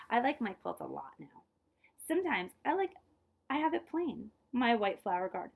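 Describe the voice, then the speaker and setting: This is a woman with a gravelly, husky, medium-pitched voice reading a children's picture book aloud. She dramatizes it expressively, dropping to a hush as phrases end and adding short asides.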